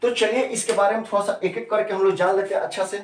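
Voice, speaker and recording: A fast-talking male chemistry teacher with a high voice and fairly flat intonation drills key terms and quizzes his students throughout the lesson. The background is noisy, and the distant mic catches an echoey room.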